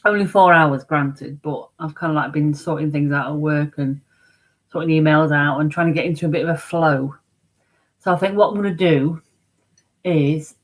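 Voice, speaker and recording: A woman's voice: sits low, rough recording. A woman hosting a casual morning livestream chat from home, rambling about her week and answering comments from her viewers. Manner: chatty, rambling, reads chat comments aloud. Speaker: livestream host.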